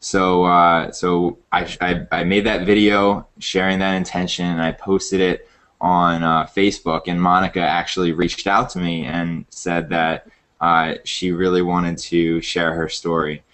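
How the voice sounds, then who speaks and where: A man's voice: deep voice, flat delivery, measured pace, a bit bright. A man hosting a casual online interview, talking with many fillers and restarts. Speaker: interview host.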